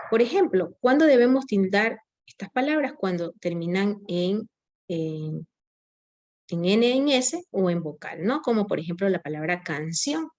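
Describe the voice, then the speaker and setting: In a recorded grammar lecture, a teacher with a mid-range, slightly mellow voice explains things step by step. She often uses tag questions and makes small corrections to herself as she goes.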